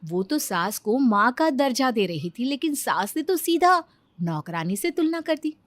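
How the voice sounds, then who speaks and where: Expressive woman narrating a cartoon story. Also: sits high, a little slow, no room sound. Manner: expressive, animated.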